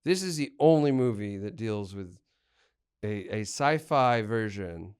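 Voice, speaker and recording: Excitable man co-hosting a movie podcast. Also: lowish voice, measured pace, clean tone. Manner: excitable, stumbling restarts. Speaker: podcast co-host. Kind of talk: casual movie chat.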